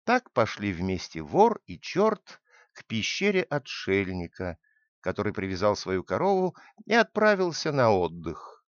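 A man narrating a fable with an expressive, dramatic reading, in a dull, dry recording. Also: lowish voice, unhurried, no echo.

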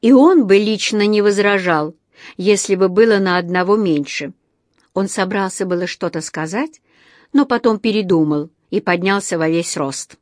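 A woman narrating a children's story in a lively audiobook reading. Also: medium pitch, normal speed, dry recording, clean studio sound.

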